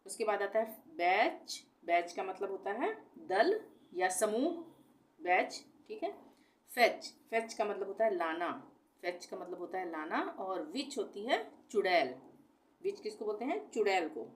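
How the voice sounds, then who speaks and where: A woman teaching pronunciation, spelling words out slowly letter by letter, asking questions and answering them herself. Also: medium pitch, very animated. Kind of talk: explaining a lesson step by step.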